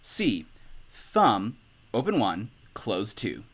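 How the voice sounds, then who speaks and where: A young man teaching a music lesson in an upbeat, instructional way. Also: extremely slow. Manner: upbeat, instructional, lively pitch. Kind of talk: music tutorial.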